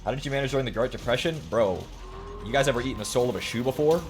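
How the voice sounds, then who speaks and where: A man's voice: medium pitch, rapid-fire. A man in his late twenties streaming a game, chatting casually and joking while he reads his chat aloud. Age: late 20s.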